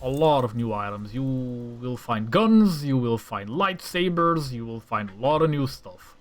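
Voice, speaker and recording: A Romanian man running a gaming channel walks through a mod with casual gameplay commentary in his native-Romanian-accented delivery. His medium-pitched voice swings widely in pitch at a measured pace, and his out-loud thinking gives way to exasperated rants.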